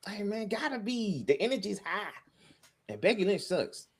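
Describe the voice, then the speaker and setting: A man's voice: high voice, normal speed, husky. A man co-hosting a livestream over a video call, joking around and trash-talking in casual chat. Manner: animated, joking trash talk. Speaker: livestream co-host.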